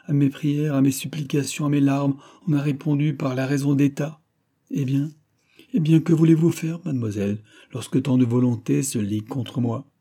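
A torn young king pleading his helplessness, read by a male audiobook narrator. The voice is dark and husky. He sounds earnest and anguished in this storybook reading. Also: mid-range voice, level tone, moderate pace, pitched above the performer's own voice, lightly acted.

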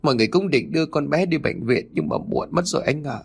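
A man's voice: fairly high pitch, animated, quick pace, gravelly, slightly rough, exaggerated voice. A man voicing a young wife and mother in an audio story, talking in a choked, stammering way. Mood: tearful. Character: young mother, frightened and sobbing.

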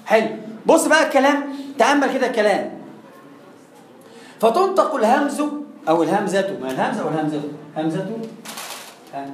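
Fast-talking Egyptian man teaching. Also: high-pitched, echoey room, poor audio. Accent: Egyptian Arabic. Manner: lively, addresses the listener directly, demonstrates sounds. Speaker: Quran recitation teacher. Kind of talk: classroom lecture.

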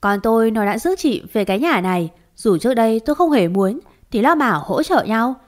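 A woman's voice: a little high, very animated, brisk. A woman reading an audio story, voicing a bitter, scornful older mother-in-law who scolds and blames. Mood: scolding. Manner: scolding and reproachful.

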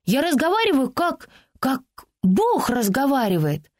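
A woman's voice: sits high, very animated, a little slow, dry recording, clean studio sound, voice pushed up, heavily acted. A woman reading an audiobook voices a small bookish girl who talks in a prim, old-fashioned way. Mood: indignant. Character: small bookish girl, earnest and easily hurt. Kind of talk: audiobook character voicing.

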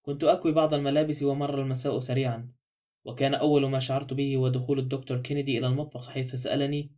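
A man's voice: mid-range voice, level tone, racing, warm tone, natural voice. A man voicing an older female housemaid in a spoken novel, who talks on and on and keeps apologizing. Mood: apologetic. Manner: rambling, apologetic.

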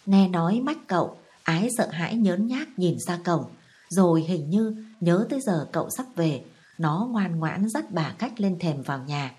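A woman narrating a novel as an audiobook in a calm, even storytelling manner. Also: on the low side, a little slow.

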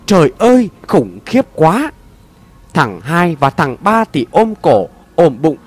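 A man narrating a scripted story in a dramatic, expressive way. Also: medium pitch. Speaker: audiobook narrator.

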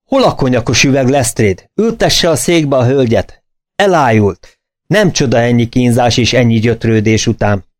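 A man voicing a crisp, commanding detective. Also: mid-range voice, natural voice. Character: sharp, commanding male detective.

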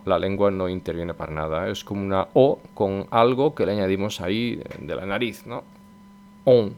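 A man gives a pronunciation lesson in a fairly low voice. He explains patiently and slows down to repeat example words clearly. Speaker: French teacher.

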